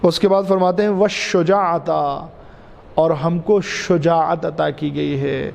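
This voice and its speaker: A man, a cleric giving a majlis sermon, repeating key phrases in a drawn-out, emphatic way and calling his listeners dear ones. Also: on the high side, fairly even intonation, gravelly, darkish tone. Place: mosque. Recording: reverberant mosque hall, faint ambience.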